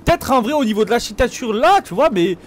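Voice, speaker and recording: A man's voice: extremely high pitch, very animated, fast. A young man from France giving casual, jokey commentary while playing a video game, full of slang and banter. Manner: reads tutorial text aloud. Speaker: gamer streamer. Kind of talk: casual let's play commentary.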